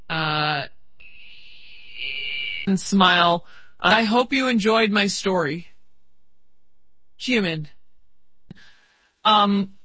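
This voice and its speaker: Performer as eager AI assistant narrating a tale; bright, airy tone, halting delivery, stage cues spoken aloud. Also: mid-range voice, slightly rough, dry recording. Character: friendly sentient AI assistant, eager storyteller. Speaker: storyteller. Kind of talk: slow, deliberate storytelling.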